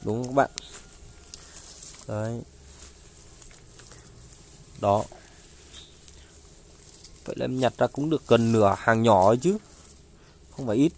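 A man selling plants in a casual sales pitch, listing wares and prices in a halting way with frequent pauses. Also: fairly even intonation, a little mellow. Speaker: online plant seller. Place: outdoors, beside goods laid on a tarp. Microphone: handheld phone filming the goods.

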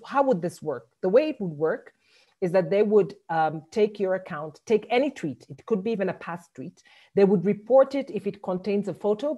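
A woman's voice: on the low side, dark tone. A woman from Tanzania with a Tanzanian accent, explaining as a panelist on a video call. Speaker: panelist, activist. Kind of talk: prepared remarks at an online briefing.

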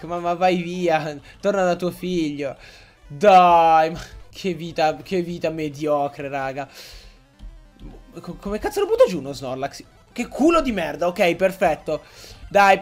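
A young man giving excitable Let's Play commentary, swearing and yelling at the game as he plays. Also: sits high. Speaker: gaming YouTuber.

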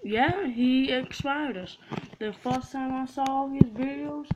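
A woman hosting a casual gaming video, loud, profane and excitable. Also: high-pitched, slow pace, background noise. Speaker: gaming channel host.

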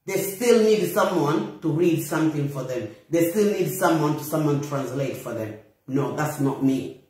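In a very echoey, small bare room, a middle-aged woman with a Bissau-Guinean accent records a blunt, indignant confrontational monologue on her phone, speaking emphatically. A vlogger, she has a low, mellow voice with lively intonation at a normal pace.

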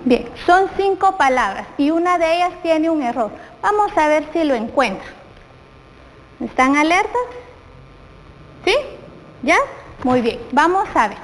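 Guatemalan woman teacher, high and slow, quizzing kids, long studio reverb. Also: animated. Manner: slow, questioning the viewers often. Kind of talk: televised classroom lesson.

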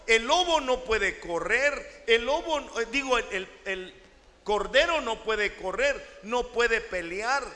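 A male lay preacher with a high, bright voice delivers a sermon slowly and dramatically, breaking into sudden shouts. His voice rings through a large church with long reverb. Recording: echoey church hall.

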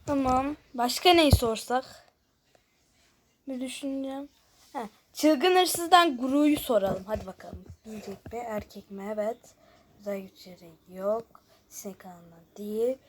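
A woman hosting a gaming video chats casually while playing a guessing game, switching between muttered, often near-whispered asides and louder, chattier remarks to viewers. Her pitch is fairly high and her pace measured. Noticeable background noise, including clicking, runs through the clip.

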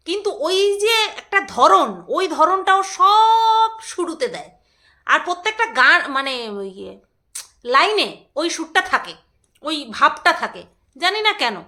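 A woman's voice: extremely high pitch, bright, forceful tone. A woman vlogging in a casual, rambling chat, laughing often and breaking into song. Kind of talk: casual chat with snatches of singing.

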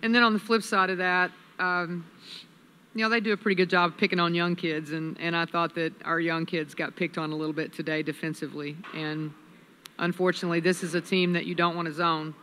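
Woman coach, bright steady voice. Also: lowish voice, slight background noise. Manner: measured, analytical, many restarts. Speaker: head coach. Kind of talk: postgame press conference. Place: press room with sponsor backdrop. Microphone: table mic on a stand.

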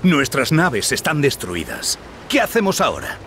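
An actor playing a human foot soldier in a fantasy game, urgent and dramatic, with battle noise behind him. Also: male voice, a little high, huge pitch swings, normal speed. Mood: dismayed. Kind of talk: scripted fantasy game acting.

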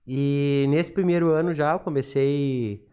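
A man in his thirties from Rio Grande do Sul, southern Brazil, speaks with a gaucho accent as a podcast guest, casually telling stories in an interview; he's a self-taught accordion player and teacher. His voice is a little high, steady, unhurried, smooth, and dark in tone. He's in a small indoor studio, talking through a cloth mask into a podcast mic on a boom arm.

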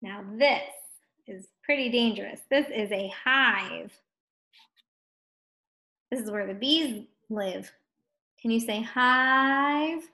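Slow, patient woman teaching phonics. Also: medium pitch, pushed and bright. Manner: slow, encouraging, stretches out words. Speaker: first grade teacher. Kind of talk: distance learning phonics lesson.

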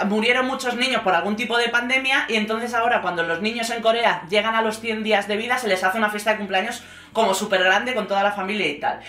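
A woman with a Spain Spanish accent, hosting a casual, gossipy recap vlog, sarcastic and expressive, swearing freely. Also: a little high, roomy sound. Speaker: YouTube host recapping a reality show.

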